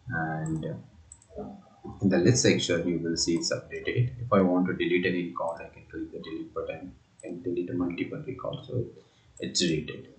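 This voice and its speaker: Deep-voiced man walking through software. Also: echoey room, rough recording. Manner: explanatory, with frequent fillers and restarts. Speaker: software tutorial presenter. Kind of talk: screen-recorded coding walkthrough.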